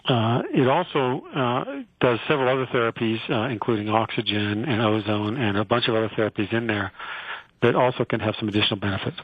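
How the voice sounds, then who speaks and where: A man, a physician guest on a radio show, explaining a treatment in a relaxed way with many fillers and restarts. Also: medium pitch, fairly quick, no room sound. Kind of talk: casual explanatory interview. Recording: tinny phone line.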